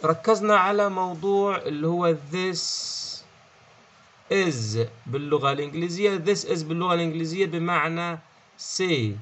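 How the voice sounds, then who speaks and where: A man's voice: a little high, moderate pace, fairly bright tone. Levantine Arabic man teaching a lesson. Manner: explanatory, checks in with "okay?" often, repeats key words. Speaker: French teacher. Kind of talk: online language lesson.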